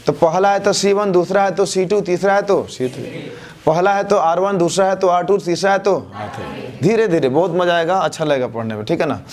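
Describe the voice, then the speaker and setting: High-pitched guy teaching math, keeps asking kya ji and answering himself. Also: a little fast. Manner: answers drop low and soft. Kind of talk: classroom lecture with call-and-response questions.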